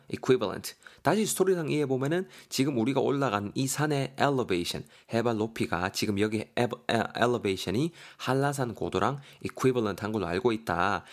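A man hosting a podcast vocabulary lesson, explaining words and spelling them out letter by letter. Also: on the low side. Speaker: English vocabulary teacher, podcast host.

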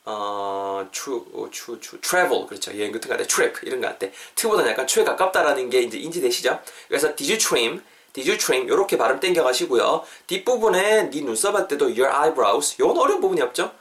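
A man hosting a podcast language lesson, chatty, explaining step by step and repeating phrases slowly for practice. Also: mid-range voice, very animated, a bit bright. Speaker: host and English teacher.

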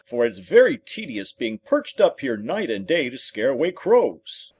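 Husky, swooping storybook Scarecrow. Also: male voice, big pitch swings, measured pace, darkish tone. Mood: plaintive, polite. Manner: polite, earnest, wide swoops in pitch. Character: friendly, brainless straw-stuffed scarecrow, wistful and polite. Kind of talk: storybook character voice.

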